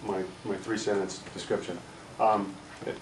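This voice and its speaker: A man's voice: on the low side, level tone, moderate pace. A man author speaking casually on a conference panel. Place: conference room with audience. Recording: distant mic in echoey noisy room.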